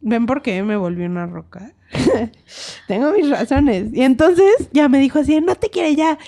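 A woman's voice: fairly high pitch, measured pace. A young Mexican woman in her twenties, co-hosting a casual chat and telling a story with acted-out quotes. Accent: Mexican Spanish. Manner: animated storyteller, acts out quotes. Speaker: podcast co-host.

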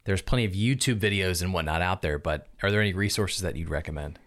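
A man's voice: deep voice, quick pace, fairly bright tone, no echo. A man hosting a podcast, asking questions and signing off in an upbeat, friendly way. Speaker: podcast host. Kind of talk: hosting and interviewing.

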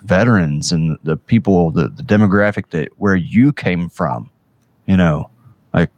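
A man with a very deep voice speaks as an interviewer. His delivery is casual and reflective, often halting as he searches for words. The sound is close and free of room echo. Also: darkish tone, muffled recording.

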